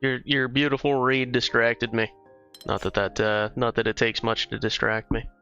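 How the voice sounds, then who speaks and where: A man's voice: mid-range voice, level tone, normal speed, sharp tone. A man livestreaming a game, chatting casually with viewers in a loose, profane way. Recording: slightly dull stream audio with music.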